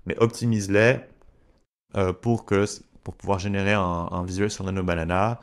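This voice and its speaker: A man walking viewers through a software tutorial in a chatty, direct way. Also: sits low. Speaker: tutorial creator. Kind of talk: screen-share software tutorial.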